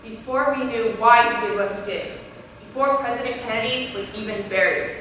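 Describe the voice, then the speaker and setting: A young woman playing an earnest female high school student, giving a measured, heartfelt stage speech. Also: fairly bright tone, slight background noise, lightly acted. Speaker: student actor. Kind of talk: stage play speech to a class. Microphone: distant room mic. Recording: echoey hall from far off.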